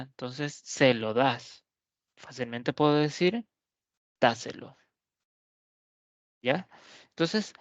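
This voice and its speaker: Slow, deliberate male teacher. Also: a little high, no room sound. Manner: slow, deliberate explaining with frequent pauses and checks on the listener. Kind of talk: recorded grammar lesson. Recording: dull, lo-fi dry recording.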